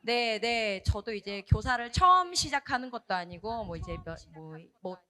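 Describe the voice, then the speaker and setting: A young woman Sunday school catechist speaks with a voice roughened by a cold. Her tone is bright and ringing. She talks earnestly and loudly about her reflections to fellow teachers in a church hall. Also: fairly high pitch, normal speed. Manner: earnest, loud, lively, with acted scolding. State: hoarse from a cold. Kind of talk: sharing reflections in a training session.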